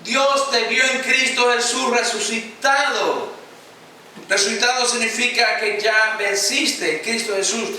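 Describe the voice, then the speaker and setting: A man preaches a sermon, pressing his points and drawing answers from the congregation. His voice is high and sharply bright. It is picked up from some distance in a very echoey church hall. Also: steady tone, a little slow, slight background noise. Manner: emphatic preaching with call-and-response. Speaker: pastor.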